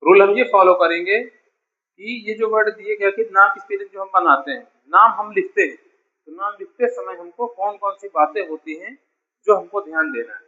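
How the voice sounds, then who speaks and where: Explaining spelling in a beginner English class, this man repeats each point patiently and calls his pupils dear children. He speaks at a moderate pace in a high, bright, forceful voice, heard through dull audio.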